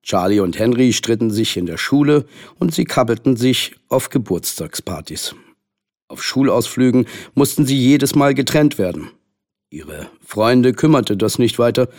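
A man narrating a children's storybook in a lively, playful reading style. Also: mid-range voice, a little slow. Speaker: audiobook narrator.

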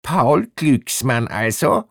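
A woman's voice: extremely low pitch, big pitch swings, takes it slowly, vocal fry, no room sound, studio quality, pitched above the performer's own voice, full character voice. A man voicing a relentless, bigoted female ticket inspector who rattles off questions in a clipped, accusatory way. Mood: officious.

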